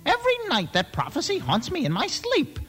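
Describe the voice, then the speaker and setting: A man's voice: huge pitch swings, brisk, a bit bright, soft background music, full character voice. An actor voicing an anxious, easily frightened male king who frets and stammers. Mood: fretful. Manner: fretful, stammering, shrill.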